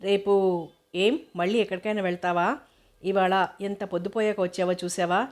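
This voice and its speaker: A woman's voice: mid-range voice, steady tone, normal speed, natural voice. A woman voicing a stern, worried middle-aged mother who scolds and frets, read in an audiobook. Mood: fretting. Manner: scolding, fretful.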